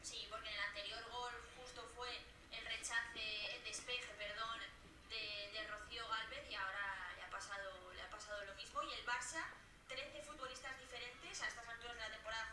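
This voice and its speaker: A female co-commentator analysing a live match in a fairly high voice. The recording is very echoey, slightly distant, with faint noise. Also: steady tone, normal speed. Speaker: football co-commentator.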